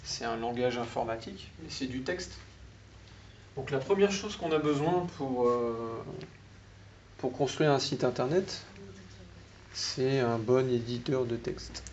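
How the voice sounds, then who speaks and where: A man with a French accent leads a live meetup talk in a meeting room, explaining step by step and often turning to the audience with questions. His voice sits at an ordinary middle pitch. The recording is slightly dull, with a faint hiss behind him. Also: measured pace, pauses often, a little mellow. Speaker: meetup speaker.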